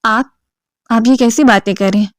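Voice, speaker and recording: A gentle young woman of twenty-one who pleads softly, voiced by a woman narrator. Her voice is fairly high and smooth, with a dry, close audiobook sound. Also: fairly even intonation, dry recording, lightly acted. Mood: pleading. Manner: soft and pleading.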